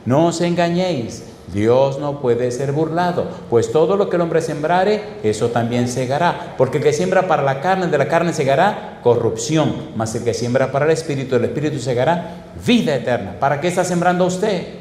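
A man preaching a sermon, firing rhetorical questions at the congregation and stretching key phrases slowly. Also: animated, a little mellow, slight background noise. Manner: emphatic, call-and-response questions to the congregation; sweeping pitch swings and slow stressed phrases. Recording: echoey hall with reverb.

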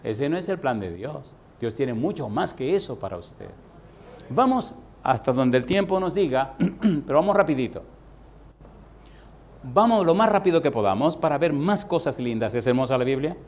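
A man preaching a sermon as a pastor, emphatic, asking repeated rhetorical questions and dropping soft for stories. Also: medium pitch, expressive, moderate pace.

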